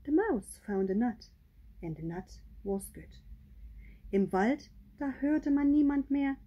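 A woman with an English accent reading a picture book aloud in two languages, with line endings that trail off softly. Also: high-pitched, lively intonation, muffled recording. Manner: slow, lilting read-aloud, trailing off softly at line ends. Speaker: storybook reader. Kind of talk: bilingual storybook reading.

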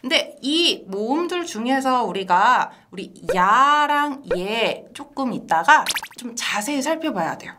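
Animated woman hosting a language lesson. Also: on the high side, measured pace, hardly any pauses. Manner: bright and animated, laughs often, asks questions to engage viewers. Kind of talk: lively two-person language lesson.

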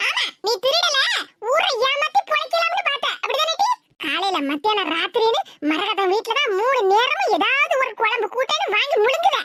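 A very high, piercing cartoon mother-in-law, voiced by a woman, scolding and taunting in a Tirunelveli Tamil accent. She nags without letup, and loud noise hisses under the whole recording. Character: scolding sharp-tongued village mother-in-law. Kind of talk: cartoon voice acting.

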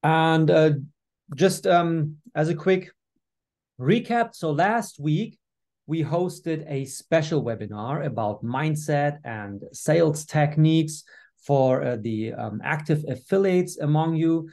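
Guy running a business webinar on a video call, kinda high voice, mellow tone, lots of uh and um. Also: lively intonation, takes it slowly. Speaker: webinar host.

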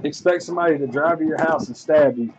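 A man's voice: a little high, fast talker, dull audio, very noisy. Casual man running a card break. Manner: loose, profane, rambling talk to viewers. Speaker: sports card break host.

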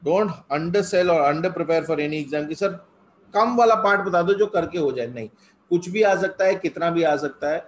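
North Indian man teaching, higher-pitched voice. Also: racing, slight background noise. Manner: switches between English and Hindi. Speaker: test-prep teacher. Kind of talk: live online lecture, conversational.

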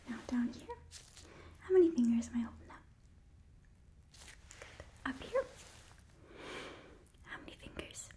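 A young woman in her twenties with a Midwestern American accent, doing a gentle, coaxing whispered role-play as a school nurse, close to the mic. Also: high voice. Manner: gentle, coaxing, as if tending a child. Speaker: ASMR performer playing a school nurse. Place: small indoor room set up as an office.

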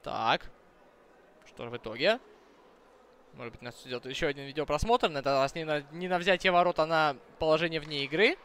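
A man's voice: fairly high pitch, a little fast, fairly bright tone, clean tone. A man commentating a hockey broadcast live, talking conversationally to viewers and thinking aloud.

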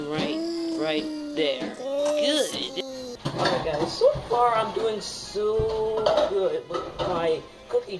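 A young boy filming himself in a home kitchen on a phone, chatty and excitable, full of fillers and calls of "guys". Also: high-pitched, low-quality recording. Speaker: home cooking vlogger. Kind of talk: casual cooking vlog. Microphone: phone camera held close.

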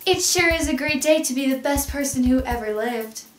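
Vain, high-voiced teenage diva acted by a girl. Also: moderate pace, slight background noise, close to an everyday voice. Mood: vain, haughty. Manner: vain, haughty, boastful. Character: vain, self-obsessed teenage girl who thinks she's a star. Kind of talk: hammy comedy skit acting. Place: rooms of a house, indoors. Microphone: camera at a few feet. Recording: roomy home recording, distant camera mic.

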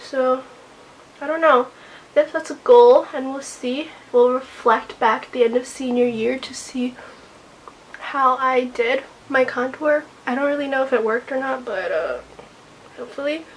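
Holding a camera at arm's length, a self-conscious teenage vlogger chats casually and says "like" constantly, moving from her bedroom to a car and then outside. She speaks at a measured pace in a high-sitting voice. The rough recording has a bit of background noise.

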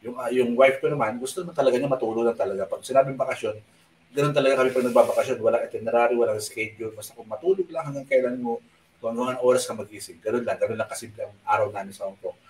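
Soft-spoken man chatting in a roomy space. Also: medium pitch, fairly even intonation, very fast, recorded from a distance, slight background noise. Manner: rambling, chatty storytelling with frequent fillers; speaks softly on purpose at night. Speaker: online show host. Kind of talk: casual live-stream chat.

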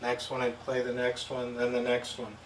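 With a completely flat delivery at a moderate pace, a middle-aged man in a medium pitch demonstrates a product step by step, speaking casually and plainly. He's at an indoor tabletop setup before a backdrop, captured by a distant, echoey mic with background noise.

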